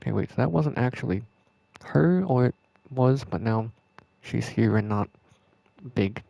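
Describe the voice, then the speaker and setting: A man's voice: mid-range voice, animated, a little slow, creaky, mellow, no echo. A man streaming a game, musing on the story in a rambling, hesitant way with frequent chuckles. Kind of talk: casual gameplay commentary.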